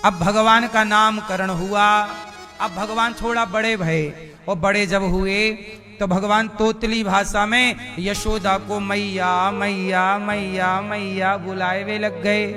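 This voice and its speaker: High-voiced preacher man over music. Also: level tone, takes it slowly, bright, forceful tone. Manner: questions the audience and chants verses. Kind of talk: devotional sermon with chanted verses. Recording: live hall with music behind.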